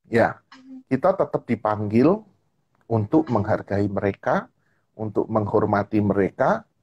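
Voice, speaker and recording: Male guest, husky voice, animated storyteller on a live-stream chat. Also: lowish voice, dull audio. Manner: animated storytelling, repeats "gitu kan ya". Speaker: guest speaker. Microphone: live-stream call. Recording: online live-stream audio.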